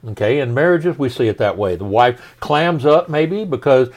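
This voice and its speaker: A middle-aged male pastor discusses his teaching in a relaxed, folksy conversation, relying on everyday examples and turning questions back to his listener. He speaks at a normal speed in a mid-range voice.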